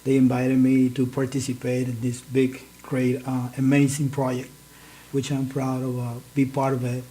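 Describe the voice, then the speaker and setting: A man's voice: mid-range voice, completely flat delivery, normal speed, mellow, poor audio. A man from northern Peru, a guest who speaks hesitantly and repeats words. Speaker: interview guest, cast member.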